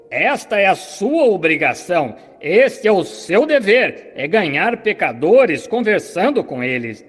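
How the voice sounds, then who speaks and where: A man preaching a sermon in an earnest, fervent way, delivered as a dubbed translation. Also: sits high. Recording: long hall reverb.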